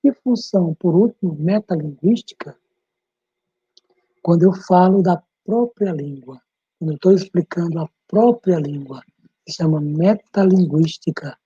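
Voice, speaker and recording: A man's voice: on the high side, measured pace, mellow, breathy edge, no echo, dull audio. A male teacher giving a patient online class lecture, often checking in with his students.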